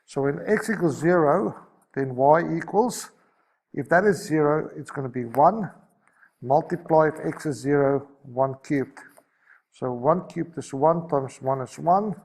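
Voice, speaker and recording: A man's voice: on the high side, measured pace, a little mellow. A man teaching a maths lesson, talking through each step as he sketches a graph and correcting himself as he goes.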